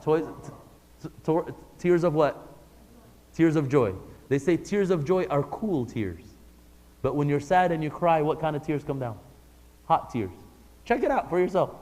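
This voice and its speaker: A live class hears a religious lesson from a man whose voice is a little high and a little mellow. He talks conversationally and poses questions to those present, in a room with long hall reverb.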